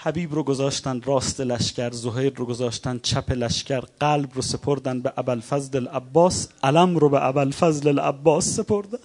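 A man delivers a religious sermon in story form, chanting quoted lines before retelling them in plain words. His medium-pitched voice holds a steady tone with hardly any pauses, swelling louder at the dramatic peaks.

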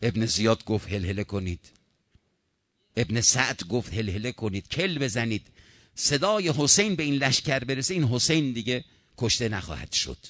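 Impassioned preacher man, bright dry voice. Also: no echo. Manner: impassioned, rising and falling in pitch. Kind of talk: sermon.

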